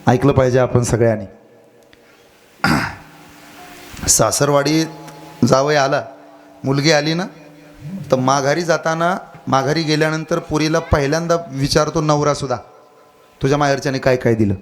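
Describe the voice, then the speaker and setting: High-voiced, earnest kirtan preacher man. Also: steady tone, a little slow, long pauses. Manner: earnest, exhorting, folksy storytelling. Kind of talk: devotional sermon.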